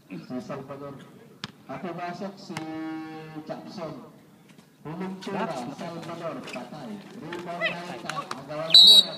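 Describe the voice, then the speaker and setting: A man's voice: a little high, measured pace, over loud music. Man announcing basketball on an echoey PA. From Visayas. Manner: polite, joking, says sir and po. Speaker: game announcer. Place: indoor basketball court. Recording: echoey gym PA from far off. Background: loud crowd and game noise.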